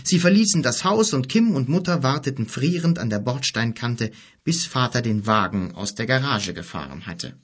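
Husky male storybook narrator. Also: mid-range voice, expressive, normal speed. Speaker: audiobook narrator.

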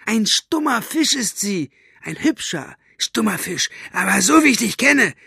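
Man putting on a gloating henchman, high sneering voice, gravelly edge, dry close sound. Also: moderate pace, bright, forceful tone, dry recording, heavily acted. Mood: gloating menace. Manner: gloating, taunting. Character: sneering brutal male henchman, mocking.

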